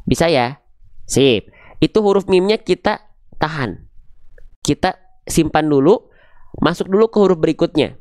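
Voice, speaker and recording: A man's voice: a little high, no room sound, clean studio sound. A man teaching letters and tajwid. He asks questions and answers them himself in a coaxing, playful way. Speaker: Quran reading teacher. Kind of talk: lively tajwid lesson.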